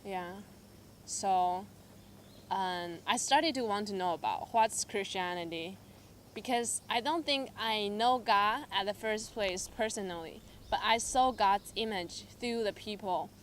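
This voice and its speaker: A young woman from Taiwan, a church member, tells her testimony a bit slowly with a medium-pitched voice over slight background noise. Her delivery is tentative and filler-laden, broken up by lively asides quoting others.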